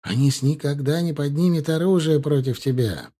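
A man voicing a frightened old villager who pleads in high, strained cries. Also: expressive, moderate pace, mellow. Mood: desperate pleading.

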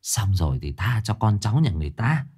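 A man voicing a stern village shamaness who scolds quickly and sharply. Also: on the low side, big pitch swings, darkish tone, husky, exaggerated voice. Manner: scolding, brisk.

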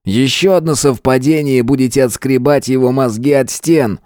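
A man's voice: medium pitch, normal speed, warm tone, no echo, studio quality, voice pushed up, lightly acted. A man voicing a cold, mocking shooter. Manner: mocking, callous, threatening. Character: cold menacing young male school shooter.

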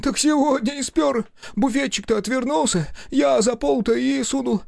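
A man's voice: very high-pitched, normal speed, gravelly, a little mellow, no room sound, studio quality, voice pushed up, heavily acted. A man voicing a frightened young male waiter who whines and pleads in folksy speech, in an audiobook. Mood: pleading.

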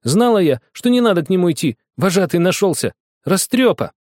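Man putting on a sharp-tongued little girl, shrill and scolding, voice pushed high. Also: big pitch swings, brisk, no room sound, clean studio sound. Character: sharp-tongued feisty young schoolgirl.

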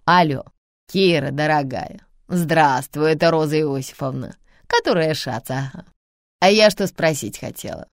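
A woman's voice: deep voice, measured pace, dry recording, clean studio sound. A woman doing bossy sarcastic old Ba. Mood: chatty. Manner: scolding, sarcastic. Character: bossy sharp-tongued old grandmother, Ba.

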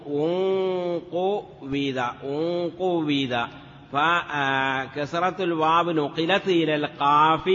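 A male teacher of Arabic morphology gives a grammar lesson in class, chanting word forms in a sing-song drill and often slipping in "yes" between steps. His voice sits fairly high and sounds fairly bright. The recording is dull and lo-fi, with a long reverb.

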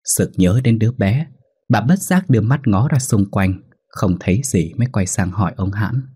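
A man narrating a ghost story in a slow, somber storytelling manner. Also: lowish voice, animated, dark tone, breathy edge.

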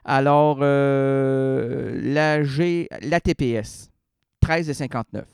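A man's voice: mid-range voice, slow pace, creaky, darkish tone, clean tone, no echo, studio quality. A man with a Quebec French accent, delivering an indignant, exasperated monologue as a vlogger. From Canada. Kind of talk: ranting monologue to camera.

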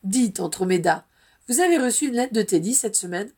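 A woman's voice: mid-range voice, expressive, fairly quick, a little mellow, breathy edge. A woman reading the lines of a modest, dutiful young man, an Auror, earnestly and plainly.

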